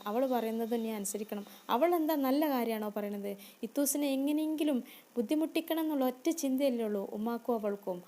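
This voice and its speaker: A woman's voice: a little high, mellow, close to an everyday voice. A woman playing a hot-tempered but caring younger brother who talks earnestly and firmly. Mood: indignant. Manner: earnest, pleading and firm.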